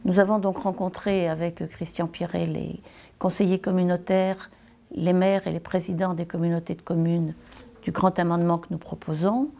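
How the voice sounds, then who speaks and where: A woman serving as a local elected official gives a partly improvised political statement, speaking deliberately and hesitantly and repeating phrases for emphasis. Her voice is fairly low, level, and dark in tone, with vocal fry.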